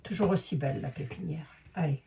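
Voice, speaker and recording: A woman's voice: deep voice, a little fast, gravelly, warm tone. A woman with a Lorraine accent, a clairvoyant talking casually and rambling to her viewers from home while painting a room. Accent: Lorraine French. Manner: rambling, digressive, talks straight to the audience. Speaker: clairvoyant YouTuber. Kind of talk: casual chatty monologue to viewers.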